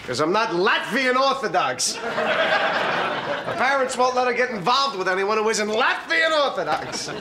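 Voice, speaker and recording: Whiny neurotic sitcom guy, high jumpy voice, audience laughs. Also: sing-song, unhurried, heavy background noise. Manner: whiny, fretful. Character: neurotic self-pitying single man. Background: studio audience laughter.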